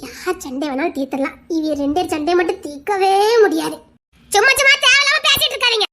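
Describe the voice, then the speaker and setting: A woman's voice: very high-pitched, fast talker, pushed and bright. A woman playing an exasperated wife and mother who scolds her husband in a family comedy skit.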